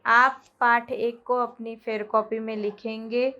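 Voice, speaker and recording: A woman teacher with a Hindi accent, slowly reading out question-and-answer notes for a school grammar lesson. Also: fairly high pitch, little pitch movement, dull audio. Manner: slow, deliberate dictation pace.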